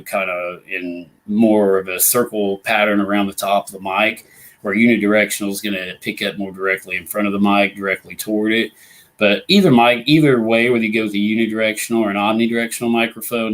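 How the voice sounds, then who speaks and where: With a lowish, fairly bright voice, this Midwestern host rambles through his casual live ghost hunting talk show, dropping lots of "you know" fillers. He is recovering from an illness, and his voice is only now returning.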